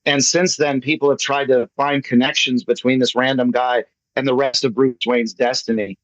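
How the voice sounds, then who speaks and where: At a moderate pace and with fairly even intonation, an American playwright chats casually about his play during an online meeting. He is enthusiastic and jokey, his voice mid-range. The recording is dry, though the meeting audio is muffled and lo-fi.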